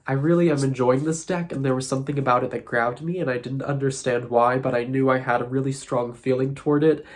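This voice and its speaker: Stuffed-up nasal guy musing through a tarot vlog, pretty flat delivery. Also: mid-range voice, vocal fry. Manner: thoughtful, musing. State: congested, nasal from sinus trouble. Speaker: tarot content creator. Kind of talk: casual reflective vlog.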